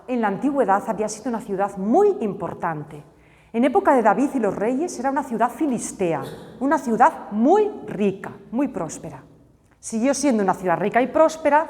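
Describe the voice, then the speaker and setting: A woman's voice: on the high side, a little mellow, big-room sound. A woman teaching a Bible lesson, telling the story expressively and acting out the characters' lines.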